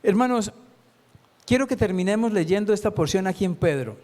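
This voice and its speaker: High-voiced man preaching. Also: lively intonation, moderate pace, darkish tone. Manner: asks the congregation rhetorical questions. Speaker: lay preacher. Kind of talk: sermon.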